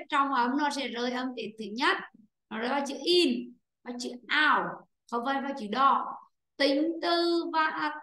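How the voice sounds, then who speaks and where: A woman teaching an online class, her voice high and bright. She explains patiently and goes over each point again. The sound is roomy and echoing. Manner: explains slowly, repeats points to students. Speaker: English teacher. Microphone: computer microphone on a video call.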